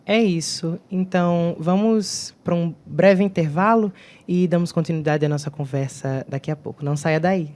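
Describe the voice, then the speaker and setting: A woman's voice: fairly low pitch, normal speed, darkish tone. A woman hosting a university TV talk show who asks short, inviting questions. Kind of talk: TV interview hosting. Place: TV studio.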